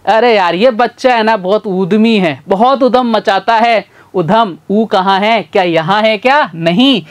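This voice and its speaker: A man teaching a literacy lesson in a folksy, repetitive call-and-response way. He sounds out syllables slowly and calls his learners brother and sir. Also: high voice. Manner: slow, sounds out syllables one by one.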